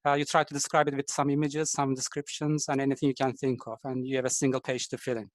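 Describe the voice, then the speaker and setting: A Turkish-accented man from Turkey, a design engineer, gives a friendly but halting online presentation over a video call, packed with filler words. His voice sits at medium pitch with a level tone, and there's no echo.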